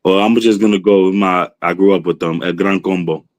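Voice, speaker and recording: A man with a somewhat low voice talks with steady enthusiasm, leaning on casual fillers. The sound is dry and close, with no room around it. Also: brisk, dry recording. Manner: enthusiastic, fills with "you know what I mean". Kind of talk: casual chat.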